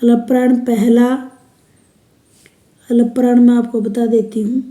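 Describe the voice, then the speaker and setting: A woman teacher giving a slow, explanatory linguistics lecture, spelling out sounds one by one. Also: on the high side, level tone, warm tone, reverberant.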